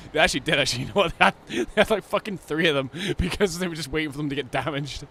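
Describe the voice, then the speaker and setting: Brief: casual Scottish gaming streamer, swears constantly, faint background noise. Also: male voice, on the high side, fast, vocal fry, bright, forceful tone. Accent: Scottish, Glasgow. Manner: rambling, heavy swearing, frequent laughter. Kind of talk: casual live-stream chat while gaming.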